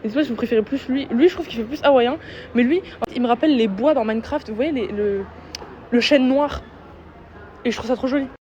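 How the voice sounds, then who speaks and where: A young vlogger talks to her audience fast, in a mellow voice on the high side, casual and playful with plenty of slang. She asks viewers what they think while holding her phone. Her recording is dull lo-fi phone audio backed by music, with slight background noise.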